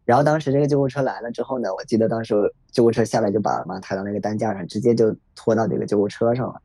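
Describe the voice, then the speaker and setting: A man in his thirties telling a personal story in a reflective, halting way, with many fillers. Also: lowish voice, fairly even intonation, warm tone, breathy edge, no room sound. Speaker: podcast guest sharing a personal story. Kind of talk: emotional first-person storytelling. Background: faint background music.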